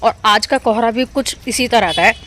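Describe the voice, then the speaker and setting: A middle-aged woman talks to her viewers in a bright, high voice as she walks about outdoors with a handheld phone. She is chatty and casual, and a faint hiss of noise sits behind her. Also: moderate pace. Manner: chatty, talks straight to viewers and laughs loudly. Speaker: vlogger filming her family day. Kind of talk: casual vlog narration to camera. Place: outdoors in a home garden, later a park.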